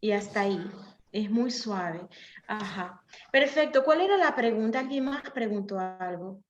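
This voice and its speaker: A woman's voice: mid-range voice, expressive, measured pace. A woman teaching a French class over a video call in Spanish, patiently repeating and spelling out verb forms. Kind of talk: online language class. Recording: echoey room, dull lo-fi sound, faint noise.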